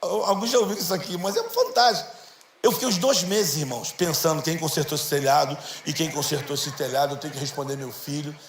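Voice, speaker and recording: A middle-aged man, telling stories in a church sermon and acting out the dialogue in a lively, slangy way. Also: on the high side, fast. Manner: animated, slangy, acts out dialogue. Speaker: guest preacher. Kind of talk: storytelling sermon. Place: church hall. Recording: echoey church hall, faint noise.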